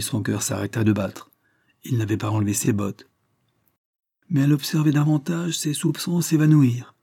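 A man narrating a suspense story as an audiobook reading, measured and suspenseful. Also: fairly low pitch, dark tone, breathy edge.

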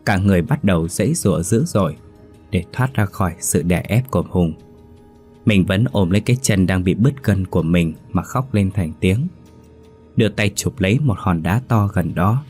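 A man narrating a horror story in a steady, grave tone. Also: deep voice, normal speed, faint music behind.

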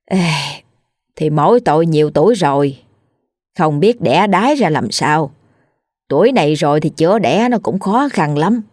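A woman's voice: sits low, lively intonation, moderate pace, a little mellow, no room sound, studio quality. A woman voicing a stubborn, scolding old village mother in a spoken ghost story. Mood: grumbling. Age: older. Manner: nagging, scolding.

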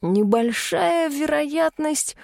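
A flustered, evasive official, as a woman puts him on, speaking slowly and soothingly in a lowered, mellow voice. The audiobook read is dry and close. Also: animated, creaky, no echo, full character voice.

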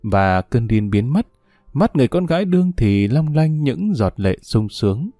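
A man narrating a dramatic audiobook in an expressive, emotive way. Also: medium pitch, normal speed, no echo. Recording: dry studio voice over faint music.

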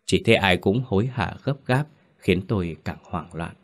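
Casting: male storyteller, low voice, grave and tense horror narration. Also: animated, normal speed.

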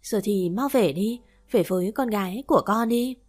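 A woman voicing a gentle, firm old grandfather spirit in a storybook reading, speaking softly and urging. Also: medium pitch, normal speed, close to an everyday voice.

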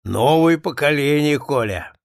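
A man voicing a jovial, sententious older uncle who speaks loudly and slowly. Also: on the high side, expressive, gravelly.

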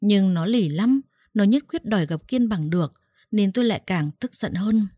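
A woman reading a first-person story aloud in a steady storytelling voice and voicing its dialogue. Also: medium pitch, normal speed, husky, no room sound, clean studio sound. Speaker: narrator.

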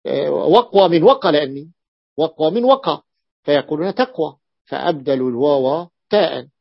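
A man teaching Arabic grammar in a classroom lecture, explaining slowly, repeating and stretching words, with long drawn-out hesitations. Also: fairly high pitch, expressive, creaky, no room sound, highs cut off.

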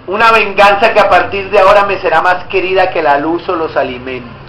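A man's voice: sits high, a little fast, pushed and bright, a little hiss or hum. A man preaching a sermon as pastor, acting out back-and-forth dialogues with God. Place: church hall. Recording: echoey church hall with faint music.

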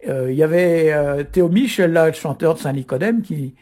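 A man from Brittany explains words on radio, pausing often on fillers as he thinks aloud. His voice is mellow and somewhat husky, pitched a little higher than most men's. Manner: hesitant, filler-heavy, explanatory. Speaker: Breton language guest teacher.

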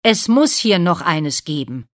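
A young fairy-tale prince, read by a woman, earnest and eager, his lines lifted with feeling. The voice is low for a woman, with lively rises and falls. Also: unhurried.

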